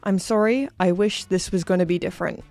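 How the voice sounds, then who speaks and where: A woman's voice: lowish voice, fairly quick, darkish tone, faint music behind. A young woman with a Canadian accent, hosting a casual watch review with a chatty, self-deprecating manner. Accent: Canadian English.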